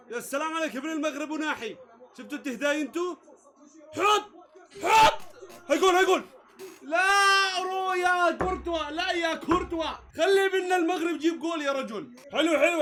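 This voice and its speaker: Man, very high voice, shouty football reaction host, excitable and jeering. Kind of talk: live football match reaction.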